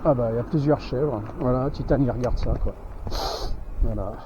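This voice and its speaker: A man's voice: mid-range voice, moderate pace. Chatty man narrating an outdoor trek. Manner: chatty, talks to his animals while walking. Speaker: vlogger traveling with animals. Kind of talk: casual on-the-go commentary. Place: outdoors in a rural village and countryside. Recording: dull lo-fi outdoor audio with faint noise.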